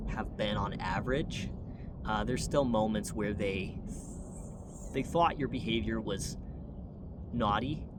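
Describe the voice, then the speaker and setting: Casting: introspective American male vlogger with a lowish voice, rambling hesitantly, recorded from a distance with audible noise. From Wyoming, United States. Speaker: video channel host. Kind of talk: unscripted reflective monologue to camera. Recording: distant mic, noisy background.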